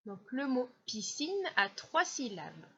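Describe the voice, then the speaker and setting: A woman from France, a primary school teacher explaining a lesson slowly and patiently, step by step. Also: high-pitched, sing-song, pushed and bright, lo-fi sound. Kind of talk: classroom explanation.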